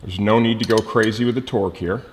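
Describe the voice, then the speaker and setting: Speaking quickly in a steady, lowish voice, a motorcycle mechanic walks through an installation, narrating each step and checking in as he works. It's a casual how-to recorded in an echoey workshop full of loud tool clatter, with slight background noise.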